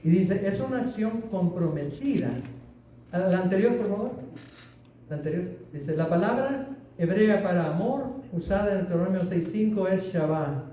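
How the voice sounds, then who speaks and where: A pastor with a high, mellow voice gives a conversational sermon full of stories and questions to the congregation. He is heard from some distance in a hall with very heavy echo. A faint hiss sits under the recording. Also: lively intonation, normal speed. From Latin America. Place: church hall. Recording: very echoey room, voice from off-mic, faint hiss.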